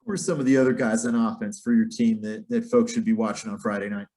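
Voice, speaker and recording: A man's voice: fairly low pitch, steady tone, fast talker, mellow. Male sports interviewer asking conversational questions.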